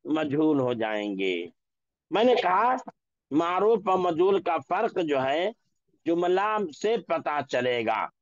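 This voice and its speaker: A man teaching an Urdu lesson, slowly repeating example words and phrases so students can drill them, now and then clearing his throat. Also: fairly high pitch, big pitch swings, no room sound, highs cut off. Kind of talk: classroom language lesson.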